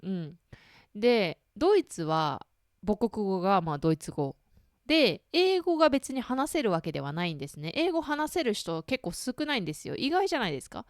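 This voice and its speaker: A podcast host in her thirties leads a casual solo chat, addressing listeners with lots of fillers, asides and self-deprecating questions. Her mid-range voice is very animated at a moderate pace, with clean, echo-free studio sound.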